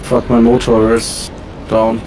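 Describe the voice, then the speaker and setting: A man's voice: medium pitch, monotone, takes it slowly, music in the background, poor audio. A man chatting and joking with teammates while playing an online game. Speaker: player on voice chat. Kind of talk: casual game chat.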